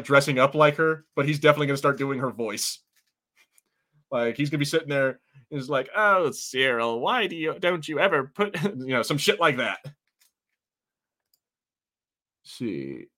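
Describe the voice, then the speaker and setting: A man with a high-ish, pushed, bright voice co-hosts a casual podcast. He chats loosely and laid-back, laughs often, reads out live chat comments, and puts on voices when quoting.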